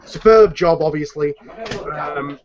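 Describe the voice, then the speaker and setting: Taking things slowly, a man with a somewhat high voice casually hosts an online cast chat on a group video call. He wanders through his points and corrects himself, with slight background noise and dull, low-quality call audio.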